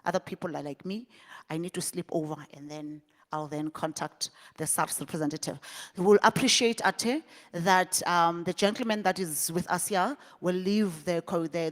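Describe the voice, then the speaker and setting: Woman emcee, low pitch, halting and filler-heavy, reverberant hall mic. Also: steady tone. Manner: hesitant, many fillers and restarts. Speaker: event host. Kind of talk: moderating a public forum.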